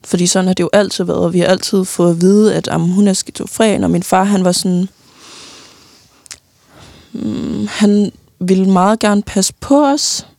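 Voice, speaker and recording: A young woman giving a halting, personal account of loss in an interview, often pausing and restarting, sometimes tearful. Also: medium pitch, fairly even intonation, vocal fry, darkish tone, no room sound, studio quality. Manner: halting, many fillers and restarts, tearful at times.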